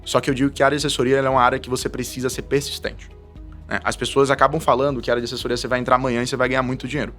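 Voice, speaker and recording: A guest from Salvador, Brazil, an investment advisor, tells his story in a casual podcast interview, fast and animated, laughing often. His voice is mid-range, with soft music in the background.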